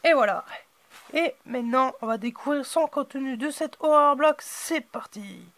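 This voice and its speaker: A man hosting a casual unboxing video, hesitant and filling his pauses with "euh" and "voilà". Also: very high-pitched, sharp tone, a little hiss or hum.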